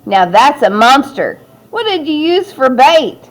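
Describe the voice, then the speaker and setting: A calm adult scoutmaster from a children's storybook, voiced by a woman narrator, who weighs each remark before speaking. His lines come slowly and evenly, pitched a little high. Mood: calm, approving. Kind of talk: storybook character voice.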